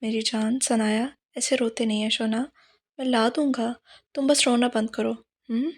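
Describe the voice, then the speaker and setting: A woman voicing a gentle young man who softly comforts the woman he loves. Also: on the high side, fairly even intonation, moderate pace. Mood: soothing. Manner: soft, soothing.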